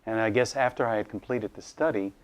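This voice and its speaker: A man's voice: fairly low pitch, brisk, clean tone. A middle-aged man from Iraq, an author and educator, talking in an interview in a thoughtful way, with many fillers and restarts. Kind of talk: casual interview monologue.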